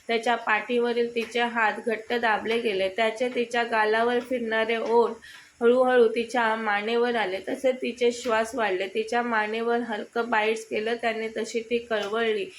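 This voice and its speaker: A woman narrates a romantic story aloud, reading steadily. Her voice is on the high side and keeps to a narrow, level tune. A faint hiss runs underneath. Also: flat delivery, normal speed.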